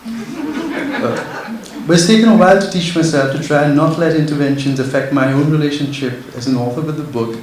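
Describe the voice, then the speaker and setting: Reading his literary talk aloud, the man sounds animated, his voice sitting on the high side at a moderate pace, though he comes across as nervous and earnest. The recording captures a strongly echoing event hall with a faint hum of background noise.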